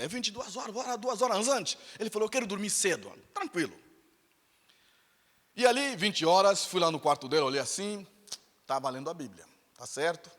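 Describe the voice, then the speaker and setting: Bright-voiced Brazilian preacher in reverberant hall. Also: male voice, sits high. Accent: Brazilian Portuguese. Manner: emphatic, repetitive preaching delivery. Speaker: pastor. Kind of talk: sermon with storytelling. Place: church sanctuary.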